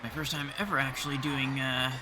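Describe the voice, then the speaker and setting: A man's voice: mid-range voice, little pitch movement, brisk. A man giving casual gameplay commentary as a streamer, in a hesitant, distracted way. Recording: game noise behind the voice.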